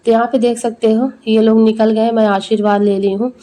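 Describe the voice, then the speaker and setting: A young woman, narrating a family vlog in slow, halting voice-over and sounding a little short of breath. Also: fairly high pitch, level tone, warm tone. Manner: slow, halting, searching for words. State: short of breath when talking at length. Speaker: family vlogger.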